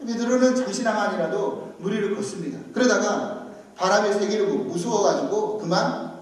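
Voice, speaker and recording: A high-voiced pastor preaches to his congregation and keeps turning to them with rhetorical questions. He stands well back from the mic, and his voice rings with a long, echoey church-hall reverb. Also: moderate pace, far from the mic. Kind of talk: sermon. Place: church sanctuary.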